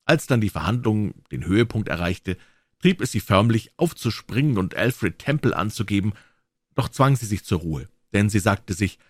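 A man with a lowish voice narrates a classic story as an audiobook. His telling is measured and expressive, and the recording is close and dry with no room sound. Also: no echo. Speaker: audiobook reader.

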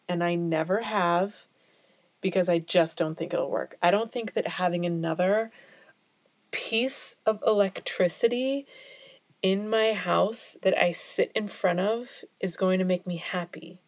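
A young adult woman from Alaska hosts a casual solo podcast, recording from a small closet at home. Her voice sits on the low side with no echo, and she's chatty and self-deprecating.

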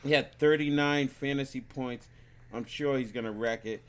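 Male co-host, mid pitch, loose rambling delivery, uneven mic distance. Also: steady tone, normal speed. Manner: loose, rambling, trips over words. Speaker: podcast co-host. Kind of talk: casual sports picks chat. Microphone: drifts on and off mic.

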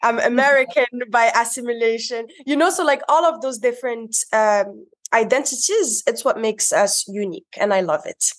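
A woman's voice: fairly high pitch, moderate pace, hardly any pauses. A young woman from Morocco, a podcast guest telling her life story in a conversational, reflective way.

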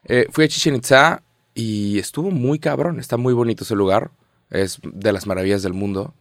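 A man's voice: medium pitch, normal speed, no echo, clean studio sound. A young man with a Mexican accent co-hosting a casual podcast, slangy and chatty, telling stories. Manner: slangy, storytelling, laughs often. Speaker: podcast co-host.

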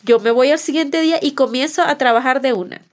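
High-pitched woman, mother telling her story on a podcast, heartfelt, repeats for emphasis. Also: a little fast. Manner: acts out past conversations. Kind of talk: personal testimony podcast.

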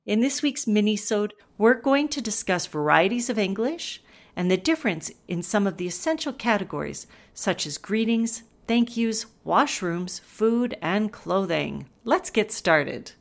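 A woman from western Canada with a West Coast Canadian accent hosts a language-learning podcast as an ESL teacher. Her medium-pitched voice has lively intonation and vocal fry, and she speaks a little slowly. She explains things in a friendly, conversational way and acts out example phrases.

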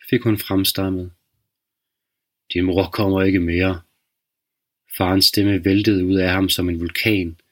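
A man hosting a podcast, reading a dark short story aloud in a slow, measured narration. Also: fairly low pitch. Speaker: podcast host and reader.

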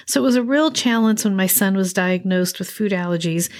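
A woman's voice: mid-range voice, a little fast, darkish tone. A middle-aged woman hosting an interview, talking in an empathetic way and restarting eagerly. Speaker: host, parent of a child with food allergies. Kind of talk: casual interview talk.

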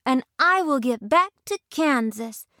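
A woman voicing a determined young girl who speaks in an eager, high voice. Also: animated, a little slow, heavy background noise.

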